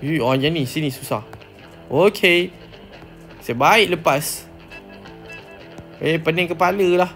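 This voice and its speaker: A man's voice: fairly high pitch, slow pace, pauses often, fairly bright tone. Man doing playful Malaysian gaming commentary. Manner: playful, refers to himself in third person. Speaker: gaming channel host. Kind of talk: excited Roblox let's-play commentary. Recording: light background music.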